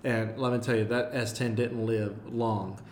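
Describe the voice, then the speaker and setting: A man's voice: on the low side, steady tone, moderate pace, darkish tone, slight background noise. Joking man hosting in an echoey room. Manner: laughs often, joking, rambling restarts. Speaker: podcast host. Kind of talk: casual interview chat.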